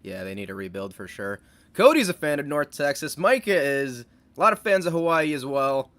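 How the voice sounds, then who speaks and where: A young American gaming streamer chats with his live-stream audience while calling plays in a football video game, with video game music playing behind him. His voice is a little high, sing-song and fairly bright, at normal speed with no echo, and he's upbeat and chatty, greeting chat as he plays.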